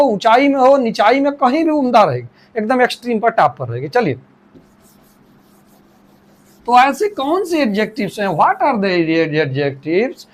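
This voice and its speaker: A male teacher explaining grammar with a lively, rising and falling voice. He circles back, repeats phrases and restarts sentences. He slows right down to dictate sentences and sound out each part of a word. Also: extremely high pitch. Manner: repeats and restarts, slowly spells out words and dictates English sentences. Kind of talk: classroom grammar lesson.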